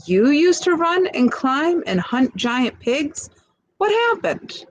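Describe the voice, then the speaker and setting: A woman's voice: high voice, very animated, slow pace, no room sound, dull audio, voice pushed up, exaggerated voice. A woman voicing a young male snake in a storybook, curious and earnest, with a sense of wonder. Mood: astonished.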